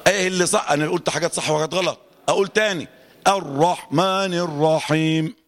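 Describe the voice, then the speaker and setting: A middle-aged Egyptian man leads a live tajweed lesson, teaching a class Quran recitation in a lively, joking way. He draws letters out slowly to demonstrate them, and his voice is a little high.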